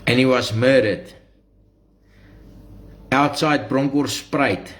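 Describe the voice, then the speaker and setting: Slow-talking South African man addressing followers. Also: medium pitch. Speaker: social media streamer. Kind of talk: live monologue addressed to followers.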